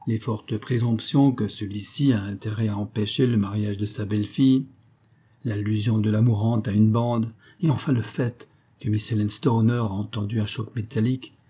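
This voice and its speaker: A man voicing a calm, ironic male detective who reasons aloud in a slightly raised tone, in an audiobook reading. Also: lowish voice, husky. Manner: cool, mocking, raised tone.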